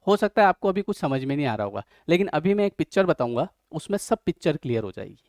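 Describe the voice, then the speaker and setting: A man's voice: a little high, very animated, quick pace, darkish tone, no room sound, studio quality. Indian man teaching an exam-prep lesson. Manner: explains step by step, keeps checking if students follow.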